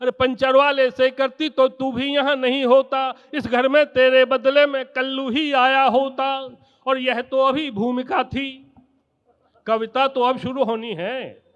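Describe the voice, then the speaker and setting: Man reciting breathless comic verse, very high-pitched. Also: flat delivery, a little slow, clear, resonant tone, big-room sound, highs cut off. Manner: emphatic, theatrical, addressing the audience. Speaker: poet reciting on stage. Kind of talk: rhythmic Hindi comic poetry recitation.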